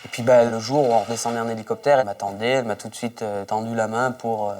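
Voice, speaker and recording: A man's voice: medium pitch, fairly even intonation, quick pace, darkish tone, dry recording. A man telling colloquial anecdotes in an informal documentary interview, as a member of an expedition. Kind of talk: informal spoken recollection. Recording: dry, slightly distant microphone.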